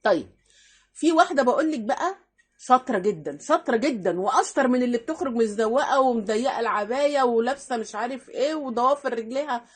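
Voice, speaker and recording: A woman's voice: fairly high pitch, lively intonation, fast talker, slightly rough. A woman with an Egyptian Arabic accent hosting her own channel, giving casual advice straight to her viewers in a chatty, repetitive way that keeps checking the listener is with her. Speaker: YouTube channel host.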